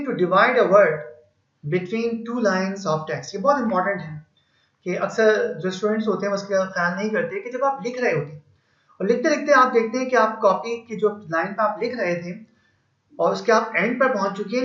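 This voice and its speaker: A man with a fairly high voice explains grammar slowly and patiently, building up each point with examples. His tinged colours the speech. The recording has a roomy echo and a somewhat dull, muffled sound. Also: a bit bright. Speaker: English teacher. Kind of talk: explanatory lesson. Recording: echoey room, slightly dull sound.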